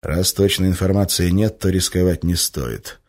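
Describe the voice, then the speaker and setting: A man voicing a resourceful male hero who shouts urgent orders to stir up a panic. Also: low-pitched, fairly even intonation, normal speed. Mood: muttering to himself.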